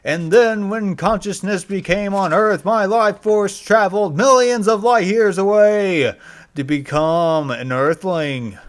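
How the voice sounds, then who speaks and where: High-pitched male actor as young monster doctor, Appalachian accent, formal, grave, self-important, comedy podcast character. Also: takes it slowly. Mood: grandly solemn. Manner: formal, stilted, grave delivery.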